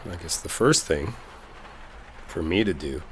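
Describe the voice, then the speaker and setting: In a one-sided intimate roleplay audio, a man takes the role of an earnest, lovestruck coworker clearing up a misunderstanding. His low-pitched voice is animated and a bit bright as he confesses haltingly and colloquially, tender and regretful, with rainstorm ambience and a little hiss or hum.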